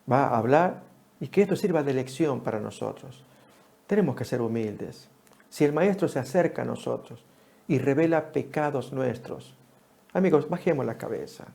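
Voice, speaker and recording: A man's voice: on the high side, vocal fry. A man teaching a Bible study lesson, calling his listeners friends and acting out the scripture dialogue as he reads. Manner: animated, addresses listeners as friends; acts out scripture dialogue while reading.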